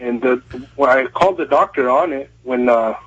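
A man calling in to a talk radio show over a tinny cell phone line, speaking in a halting, hesitant way with many fillers. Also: mid-range voice, fairly bright tone. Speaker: caller.

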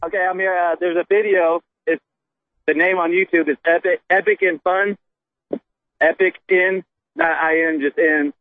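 A man calling into a radio show from his car while driving, talking in a halting but insistent way. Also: sits high, steady tone, dry recording. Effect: phone call from a car. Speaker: radio caller. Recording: tinny dry phone line.

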